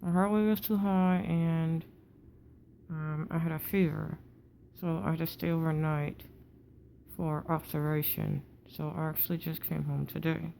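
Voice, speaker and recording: A low, slow-talking woman speaks through a wired-shut jaw, her words muffled behind closed teeth. She is tired and sore, halting and effortful, with a gravelly creak in a casual video diary. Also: steady tone, mellow, a little hiss or hum. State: tired, sore with swollen cheek. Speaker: patient recovering from jaw surgery.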